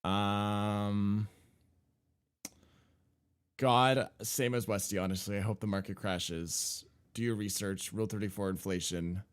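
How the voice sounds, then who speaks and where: A man's voice: on the low side, fairly even intonation, slow, clean tone. A young man co-hosting a casual podcast, laid-back and laughing along with friends. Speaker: podcast co-host. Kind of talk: casual chat among friends.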